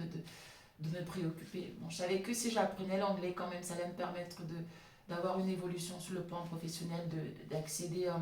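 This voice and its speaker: A woman speaks in a fairly low voice with a slight lisp. She tells her story vlog-style, hesitating and repeating words. The microphone sounds distant, in a very echoey room. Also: darkish tone. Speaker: vlogger, cleaning business entrepreneur. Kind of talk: personal storytelling monologue to camera.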